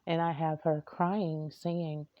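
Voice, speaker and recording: A woman spiritual reader telling a story to camera, hesitant and halting, often repeating words and trailing off. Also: low voice, little pitch movement, no room sound, dull audio.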